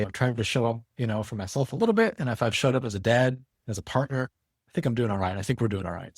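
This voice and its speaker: A man speaking as a guest educator in an interview, thoughtful and measured. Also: on the low side, a little mellow, no echo, studio quality. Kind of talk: reflective interview talk.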